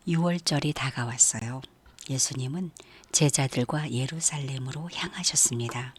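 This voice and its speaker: A woman giving a youth sermon in a gentle storytelling manner, asking her listeners questions as she retells a Bible story. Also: very deep voice, normal speed, breathy edge. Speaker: youth ministry preacher.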